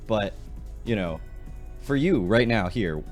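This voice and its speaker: Chatty, low-voiced young interviewer. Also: male voice, expressive, takes it slowly, faint music behind. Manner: enthusiastic, rambling questions with fillers. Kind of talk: casual interview chat.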